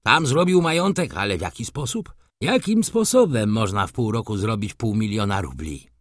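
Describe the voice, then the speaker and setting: A man's voice: lowish voice, sing-song, moderate pace, dry recording, clean studio sound. A man voicing an indignant, gossiping middle-aged councillor in an audiobook, ranting with scandalized outrage.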